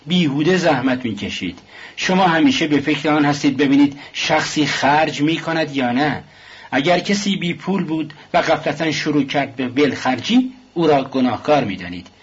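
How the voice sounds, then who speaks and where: Sly, brooding young student, husky and mocking, read by a man; dull lo-fi audiobook sound. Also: mid-range voice. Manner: taunting, mocking. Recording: dull lo-fi recording.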